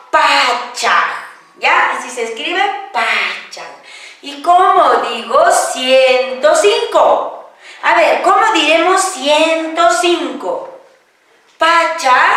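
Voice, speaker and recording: Slow-speaking woman teaching in an echoey room. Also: high voice, bright, forceful tone, far from the mic. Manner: patient, asks and answers her own questions, draws out numbers slowly. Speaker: Quechua teacher. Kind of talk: classroom-style language lesson, question and answer.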